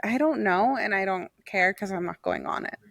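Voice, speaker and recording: A woman's voice: medium pitch, brisk, vocal fry, a bit bright, no room sound, clean studio sound. Chatty young woman co-hosting a podcast. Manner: chatty, laughs easily, emphatic. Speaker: podcast co-host. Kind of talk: casual chat.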